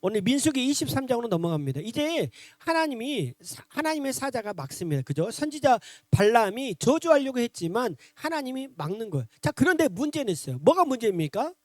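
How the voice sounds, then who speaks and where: A man's voice: very high-pitched, very animated, brisk, hardly any pauses, dry recording, clean studio sound. A male pastor preaching a sermon, asking the congregation rhetorical questions and acting out quoted speech. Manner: acts out quoted speech in shifted voices.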